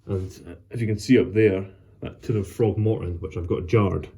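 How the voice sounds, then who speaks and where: Dark-voiced man in casual chat. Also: on the low side, fairly even intonation, normal speed. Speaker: host of a pipe tobacco vlog. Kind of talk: casual solo chat to camera.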